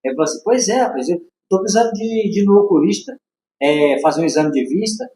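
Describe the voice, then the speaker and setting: A man with a Brazilian Portuguese accent, appearing as a podcast guest, tells a casual story in an animated way, acting out the dialogue and laughing. His voice is high-pitched and fast, with slight background noise in an echoey room.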